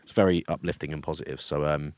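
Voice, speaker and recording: A man's voice: rumbling low, fairly even intonation, fast talker, dry recording, studio quality. A man hosting a music show, chatting casually as he introduces releases. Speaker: music show host from a record label.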